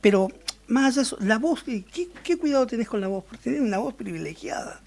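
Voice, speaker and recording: An Argentine woman co-hosting a radio interview, interjecting with lively questions. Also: on the high side, quick pace, vocal fry.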